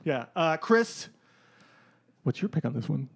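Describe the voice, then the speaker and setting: A man's voice: fairly high pitch, very animated, a little slow, vocal fry, husky, no room sound, studio quality. A man co-hosting a casual sports betting chat, joking, laughing often and restarting his sentences. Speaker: podcast co-host.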